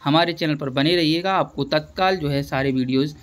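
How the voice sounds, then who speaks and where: A man's voice: on the high side, brisk. A man teaching a school lesson, explaining patiently and repeating key words so students can follow.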